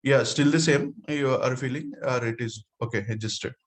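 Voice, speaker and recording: A Telugu-accented male instructor walks through steps at an unhurried pace, checking in with "okay" and "right?". His audio keeps breaking up over a bad online connection, dropping in and out. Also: medium pitch. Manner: explains step by step, mixing Telugu and English with frequent "okay" and "right?". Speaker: data analytics instructor. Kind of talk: online class walkthrough. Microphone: online call.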